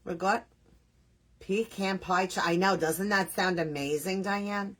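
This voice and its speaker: Husky New York woman chatting while crafting. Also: mid-range voice, fairly even intonation, a little slow, fairly bright tone. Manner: chatty, scattered, self-deprecating, reads viewer names aloud. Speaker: crafting livestream host. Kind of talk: casual chat with live viewers while crafting.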